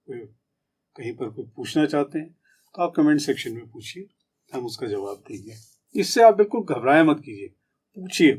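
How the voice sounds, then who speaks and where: A man's voice: mid-range voice, a little mellow. Chatty man teaching a casual lesson. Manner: conversational, often checks in with listeners; acts out everyday commands in example voices. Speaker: English teacher.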